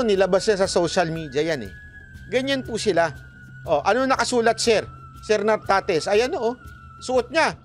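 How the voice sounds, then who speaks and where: High-voiced male vlogger commenting on news. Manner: animated, talks to officials directly, laughs at his own jokes. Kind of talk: casual news commentary vlog.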